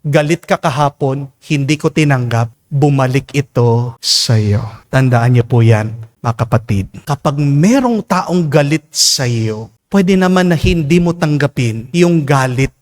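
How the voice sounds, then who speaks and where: Emphatic Filipino priest preaching a homily. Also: male voice, medium pitch, expressive, unhurried, a little mellow. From Philippines. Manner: emphatic preaching, mixing in English, often calling out "Amen?" to the congregation. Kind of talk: homily at Mass. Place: church during Mass.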